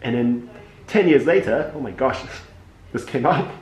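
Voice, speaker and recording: Speaking a little slowly in a medium, darkish voice, this young man chats casually with a patient during treatment, frequently dropping in "like." He's a podiatrist from Hong Kong who moved to New Zealand young, recorded in an echoey room with clear background noise.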